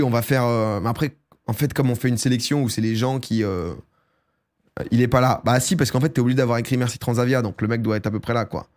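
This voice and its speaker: A young man with a sore throat talks on a live stream in an easygoing, excitable way, now and then leaping into loud, high outbursts.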